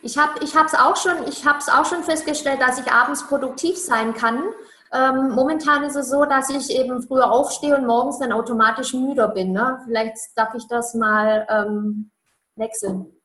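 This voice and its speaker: A woman speaks thoughtfully and a little hesitantly, pausing as she thinks. Her voice is bright and fairly high. The room around her sounds echoey. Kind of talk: casual chat.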